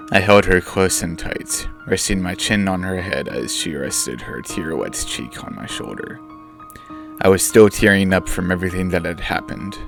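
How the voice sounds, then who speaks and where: A man with a very low, heavily gravelly voice reads his own story aloud as an audiobook. His delivery is slow, subdued and mournful, first person throughout. A quiet guitar plays softly behind him. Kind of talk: audiobook narration. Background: faint guitar music.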